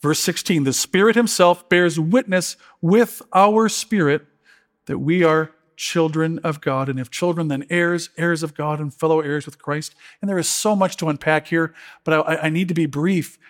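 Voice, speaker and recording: Man, middle-aged, pastor, sermon, earnest, emotional, restarts often, slightly high voice. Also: fairly quick.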